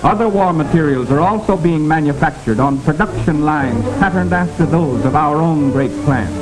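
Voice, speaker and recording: A man's voice: on the high side, moderate pace, rough recording. A man narrating a 1940s wartime newsreel in a formal, declamatory, rousing manner. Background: loud orchestral music.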